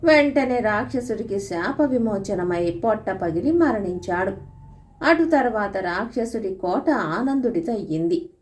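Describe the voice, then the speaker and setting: A woman narrating folk and moral tales as an audiobook storyteller, in a steady, expressive way. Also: medium pitch, measured pace.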